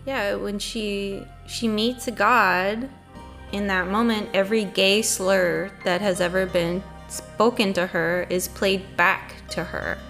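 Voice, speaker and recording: Woman cohost thinking out loud on a podcast, faint music under it. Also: medium pitch. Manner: thoughtful, musing, frequent agreeing murmurs. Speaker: podcast co-host. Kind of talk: casual conversational discussion.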